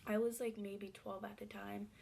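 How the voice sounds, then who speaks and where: A woman recounts a personal story in a soft, hesitant voice that often sinks toward a whisper. Her pitch stays flat and level, with little rise or fall. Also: normal speed, creaky, slight background noise.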